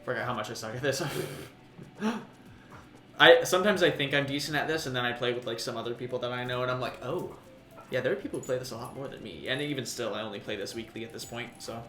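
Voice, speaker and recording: A man's voice: mid-range voice, quick pace. Chatty male streamer over game music. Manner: chatty, swears, laughs easily. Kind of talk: casual gaming stream chat. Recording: roomy sound with game music.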